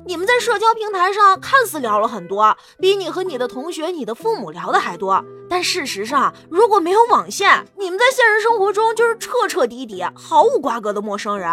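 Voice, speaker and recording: Lively, bright woman reading jokes. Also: very high-pitched, fairly quick, few pauses, faint music behind. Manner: lively, expressive storytelling. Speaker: podcast co-host. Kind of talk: reading comic sketches.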